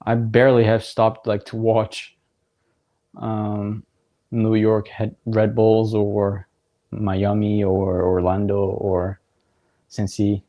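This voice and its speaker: With a fairly low-pitched voice and an unhurried pace, a young man chats over a soccer match on his livestream. As host of the watchalong, he keeps it relaxed, rambling along with plenty of fillers and frequent laughter.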